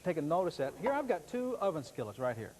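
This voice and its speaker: A male vendor gives a live home shopping demonstration with folksy, joking patter. He talks very quickly in a slightly high voice. There is faint background noise on the broadcast. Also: very animated. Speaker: guest product vendor and demonstrator. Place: TV studio demonstration set.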